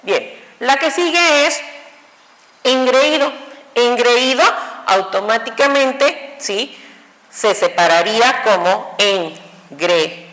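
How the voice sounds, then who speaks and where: Woman teacher with a Mexican Spanish accent, unhurried and methodical, echoey room sound. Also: high voice, lively intonation, a bit bright. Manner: slow, deliberate, checks in with "¿sí?" and "¿ok?". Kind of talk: online grammar class. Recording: echoey room with long reverb.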